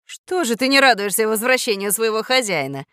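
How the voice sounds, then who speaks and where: A woman reading the lines of a kindly middle-aged man who owns a parrot, in a polite, gently pleading manner. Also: on the high side, big pitch swings, brisk, dry recording, studio quality, voice pushed up.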